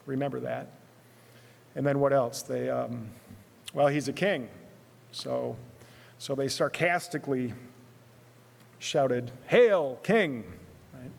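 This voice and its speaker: A man preaching a sermon in an earnest way, repeating words, moving between loud emphasis and hushed, quiet phrases. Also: medium pitch, fairly even intonation, slow pace, vocal fry, pauses often. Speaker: pastor. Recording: long hall reverb.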